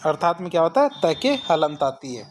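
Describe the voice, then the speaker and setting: A woman's voice: sits low, sing-song, a little fast, a little hiss or hum. A woman teaching an exam-prep Hindi spelling lesson, asking questions and answering them herself over and over. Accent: Rajasthani. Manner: repetitive question-and-answer drilling.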